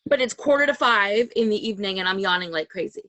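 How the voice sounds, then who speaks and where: A woman's voice: medium pitch, expressive, fast, bright, forceful tone, dry recording. A woman hosting a podcast over a call, talking in a chatty, rambling way and laughing often. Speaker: podcast host. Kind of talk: casual interview chat. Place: home call. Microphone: video call.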